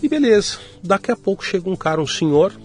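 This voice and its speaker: A middle-aged man, telling his story in a casual, lively way, pitched a little higher than most men. Soft music sits faintly behind him as he talks. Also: quick pace. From Brazil. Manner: lively anecdotal, acts out quoted dialogue. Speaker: guest entrepreneur.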